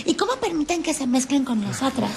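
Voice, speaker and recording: A woman's voice: high-pitched, sing-song, fairly quick, gravelly, background noise, heavily acted. A woman playing a snobbish, classist rich schoolgirl in a telenovela parody, with a whiny, posh Mexican accent and sneering delivery. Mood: haughty.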